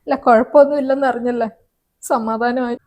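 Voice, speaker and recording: A woman acts out a gentle young daughter-in-law, hurt by blame. Her voice is mellow, a bit high and oddly level, soft and pleading. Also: fairly even intonation, a little fast, lightly acted.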